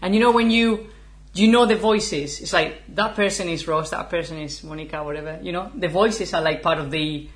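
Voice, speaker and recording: Woman, forties, lowish voice, chatty teacher who laughs easily, casual lesson. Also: normal speed. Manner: chatty, laughs often, switches between Spanish and English. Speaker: Spanish teacher.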